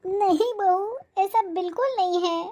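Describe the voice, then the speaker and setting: Performer doing an elderly mother-in-law, very high voice, tearful and apologetic, animated moral story. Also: unhurried. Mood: affectionate. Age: older. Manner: scolding, then tearful and apologetic. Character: aging village mother-in-law, proud then remorseful.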